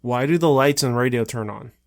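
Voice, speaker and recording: A man's voice: mid-range voice, a little fast. A man co-hosting a podcast, chatting casually and chuckling as he retells scenes. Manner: amused, laughing through his retellings. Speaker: podcast co-host. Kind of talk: casual chat.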